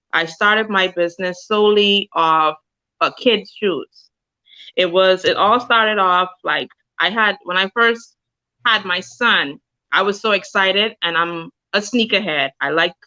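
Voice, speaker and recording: A woman's voice: lowish voice, bright, forceful tone, muffled recording. A woman telling her story as an interview guest, chatty with many ums and likes. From Bahamas. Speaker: guest entrepreneur. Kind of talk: casual interview talk.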